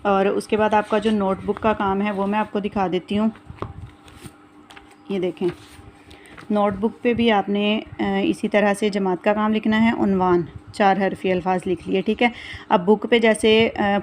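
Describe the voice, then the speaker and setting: A woman's voice: medium pitch, level tone, a little hiss or hum. A woman teacher, giving a recorded lesson to young children, patiently sounding out words letter by letter. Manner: patient, slow, spelling words out sound by sound with frequent "theek hai".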